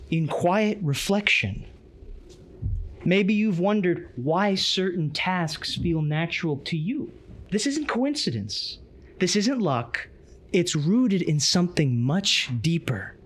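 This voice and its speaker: A man giving an earnest, emphatic conference lecture, reading from a tablet. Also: fairly high pitch.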